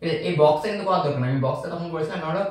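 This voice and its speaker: A male chemistry teacher talks quickly in a slightly high voice, repeating steps and asking students whether they follow. His voice bounces around a very echoey room. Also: a little mellow. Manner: patient, repeats steps and asks checking questions. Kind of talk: recorded online lecture.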